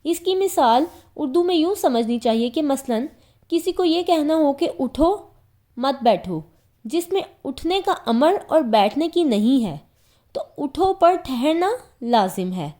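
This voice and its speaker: A woman with a high voice and a Pakistani Urdu accent teaches a religious lesson on reading the Quran. She talks patiently and goes over each point again in simpler words, like a classroom teacher. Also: lively intonation, dark tone.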